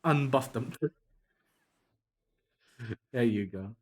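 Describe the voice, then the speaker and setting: A man's voice: medium pitch, extremely slow. A man, chatting casually and laughing often while he draws on a live stream. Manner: laughing often, loose and joking. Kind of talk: casual chat while drawing.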